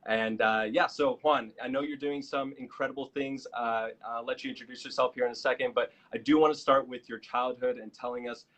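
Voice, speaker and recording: American guy hosting a live show, upbeat plugs, lots of uhs, mid-pitched voice. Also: steady tone, fairly quick, hardly any pauses, a bit bright. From United States. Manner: upbeat, with promo plugs and fillers. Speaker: host.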